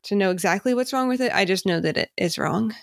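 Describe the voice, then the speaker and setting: A woman's voice: mid-range voice, fast talker, gravelly, dry recording, studio quality. A woman co-hosting a podcast, chatting casually and frankly about a song, laughing often and joking wryly. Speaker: podcast co-host. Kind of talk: casual chat reviewing songs.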